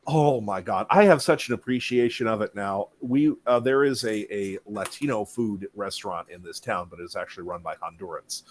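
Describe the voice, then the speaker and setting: A man's voice: fairly low pitch, normal speed, hardly any pauses. A man hosting a casual chat, telling rambling stories and swearing freely. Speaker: host.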